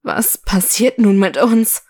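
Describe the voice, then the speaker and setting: A woman's voice: mid-range voice, animated, slow pace, a little mellow. Woman reading a worried little toy doll.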